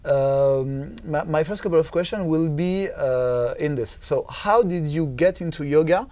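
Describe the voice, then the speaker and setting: A man hosting a wellness podcast, chatting with a guest in a halting way, full of fillers and restarts. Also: a little high, darkish tone. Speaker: podcast host. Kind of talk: casual interview chat. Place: Dubai.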